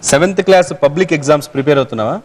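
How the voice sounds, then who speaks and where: A man's voice: fairly high pitch, racing, darkish tone. A man hosting a TV quiz show, teasing a young contestant playfully and reading out contest instructions announcer-style. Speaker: game show host.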